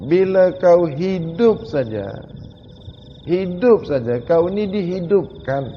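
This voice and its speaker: A man with a Malaysian Malay accent giving a Sufi sermon, slowly asking questions and driving points home by repeating them. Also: high-pitched, animated, long reverb tail, highs cut off, slight background noise. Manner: slow, questioning, emphatic repetition. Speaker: religious teacher.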